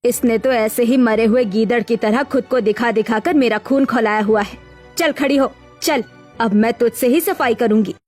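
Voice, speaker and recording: A cruel young woman in a dramatized moral story, sneering and scolding in a high, sharp voice as a woman acts her. Her sarcasm is biting. Faint music underneath. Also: moderate pace, natural voice. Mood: scornful. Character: cruel, bossy young woman tormenting the bride.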